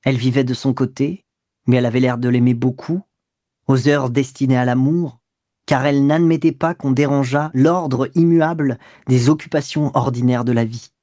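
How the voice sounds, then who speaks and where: A man's voice: medium pitch, steady tone, normal speed, dark tone, no room sound. Man narrating a literary audiobook, dry.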